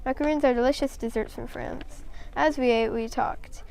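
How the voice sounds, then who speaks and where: A woman reads a first-person children's story aloud, plain and unhurried, stumbling now and then on a word. Her voice sits slightly high and sounds very smooth and clean. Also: steady tone, a little mellow. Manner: plain storytelling, occasional slips and restarts.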